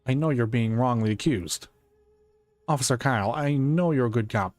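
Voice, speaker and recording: A man's voice: medium pitch, moderate pace, a little mellow, no room sound, soft background music, close to an everyday voice. A man voicing a polite young man in a detective game, earnest and deferential as a prisoner's younger brother. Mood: earnest, grateful.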